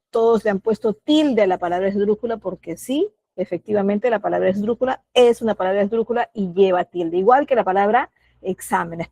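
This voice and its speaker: A middle-aged woman with a Peruvian Spanish accent leads an online class over a video call. Her voice is mellow and dry, and she keeps asking the group questions and naming students as they answer. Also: medium pitch, no echo. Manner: patient, questioning, calls on students by name. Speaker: teacher.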